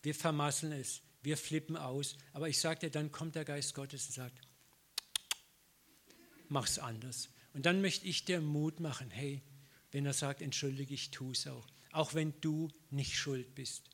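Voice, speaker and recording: Here a middle-aged preacher with a fairly high voice talks a little slowly, sharing stories from his own life. He plays out the dialogue as he goes and laughs a lot, keeping the storytelling lively.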